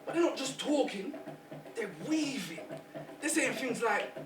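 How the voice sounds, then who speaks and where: Someone doing an old trickster spider spirit, jamaican accent, slow rhythmic chuckly talk, kinda far off in an echoey room, music under it. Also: sits high, lively intonation. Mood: sly boastful. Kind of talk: spoken-word performance. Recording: roomy distant voice over music.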